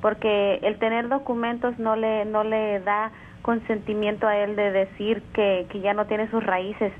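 A woman's voice: mid-range voice, little pitch movement, a little slow. Lady calling in, earnest, proud, sounds thin over the phone. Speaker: caller. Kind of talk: call-in comment. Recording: tinny phone line.

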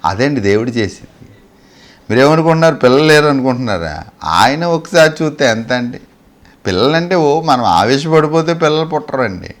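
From Andhra Pradesh, India, a male preacher delivers his sermon as animated storytelling, putting rhetorical questions to the congregation and acting out the characters' dialogue. His voice is mid-range and fairly quick.

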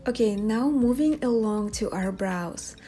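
A young adult woman, a beauty vlogger whose first language is Russian, walks viewers through a makeup tutorial with a Russian accent. Her mid-range voice is mellow and a little slow, with music playing in the background.

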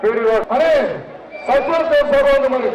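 A very high-pitched man calls a bull-taming event through a megaphone and belts out repeated cheers and counts. His amplified voice echoes from far off across an outdoor arena. A loud crowd roars behind him. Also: a little slow, dull audio, slight background noise. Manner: shouting repeated cheers, urging and counting the riders. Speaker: bullfight announcer. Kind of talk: live event commentary over a PA. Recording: echoey loudspeaker audio from afar, loud crowd.

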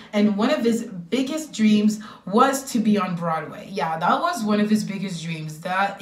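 A woman's voice: mid-range voice, echoey room, distant mic. A young woman YouTuber ranting bluntly and laughing as she gives her honest opinion in a casual vlog. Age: young adult. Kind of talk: casual rant video.

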